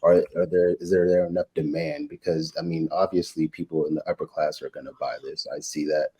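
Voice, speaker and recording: Brief: male guest, very low husky voice, halting agreeable speech. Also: flat delivery, mellow. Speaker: podcast guest. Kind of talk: casual discussion.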